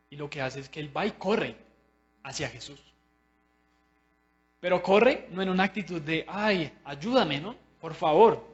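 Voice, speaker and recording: A man's voice: high-pitched, a bit bright. Man preaching with a dull, lo-fi sound. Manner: conversational, personal preaching, addressing listeners directly. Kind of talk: sermon.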